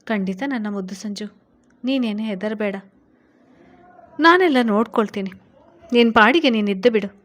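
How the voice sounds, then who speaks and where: A scheming elder sister, as a woman reads her aloud, sure of herself and reassuring in a storybook reading. She is louder and brighter than the narration. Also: mid-range voice, normal speed, long pauses, natural voice. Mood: confident. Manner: confident, reassuring.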